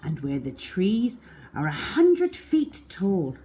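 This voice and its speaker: In a mid-range voice, a woman acts as storyteller for a children's tale, reading it expressively and deliberately while stretching out her words.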